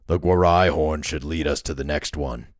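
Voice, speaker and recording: A man voicing a rough, low-voiced male gang leader who speaks gruffly and mockingly in a fantasy novel reading. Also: steady tone, normal speed, dry recording, clean studio sound.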